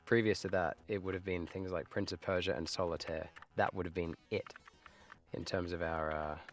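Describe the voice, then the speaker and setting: A livestreamer in his late thirties plays a game live and chats casually, reminiscing nostalgically and trailing off into muttered asides as he rambles. His voice sits low with fairly even intonation at a normal speed, over soft background music.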